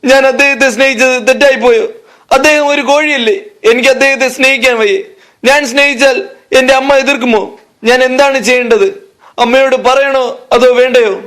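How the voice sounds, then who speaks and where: A man's voice: very high voice, fairly even intonation, normal speed, fairly bright tone, pitched above the performer's own voice. A man voicing a lovesick young female hen in a comic storytelling act, asking herself anxious, pleading questions.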